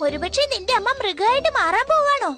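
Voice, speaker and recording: Excitable little cartoon girl, extremely high pitch, childlike chatter, loud music behind. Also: fast. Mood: worried. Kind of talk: dubbed cartoon acting.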